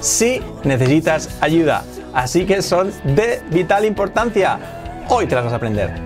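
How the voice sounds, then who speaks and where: A man teaching English phrases in a video lesson for Spanish speakers, repeating each one slowly to model the pronunciation. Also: a little high, sing-song, music in the background.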